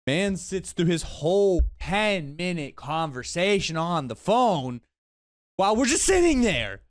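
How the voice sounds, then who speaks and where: A man's voice: a little high, dry recording, clean studio sound. A young man telling a storytime vlog, exasperated and rambling, repeating words and using slang. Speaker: vlogger.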